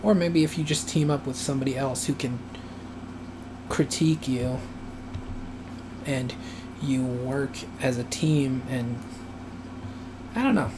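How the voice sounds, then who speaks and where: An animator live-streams his work, rambling casually in a dry, raspy, mid-pitched voice. He muses hesitantly, thinking aloud with many pauses, while a noisy room hum sits behind his voice.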